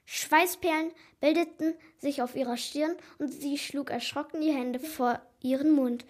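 A woman narrating a children's story in an animated, dramatic first-person telling. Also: sits high, measured pace.

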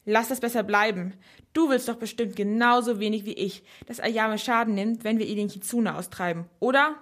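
A woman's voice: fairly high pitch, moderate pace, close to an everyday voice. A woman voicing a bitter, angry man who hisses and snaps threats. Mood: menacing. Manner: hissing, snapping. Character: angry man, bitter former stage designer.

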